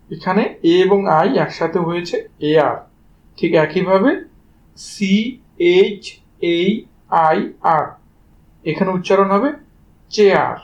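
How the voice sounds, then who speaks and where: A man's voice: high-pitched, dull audio, slight background noise. A man with a Bangladeshi Bengali accent teaching English pronunciation, spelling each word out letter by letter and speaking informally to his students. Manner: spells words letter by letter before saying them; addresses students directly and informally. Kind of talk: spelling-based pronunciation lesson.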